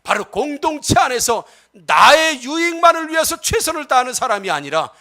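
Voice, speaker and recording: A male pastor preaching a Sunday sermon, asking the congregation rhetorical questions and swinging between loud exhortation and soft asides. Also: very high-pitched, very animated, normal speed.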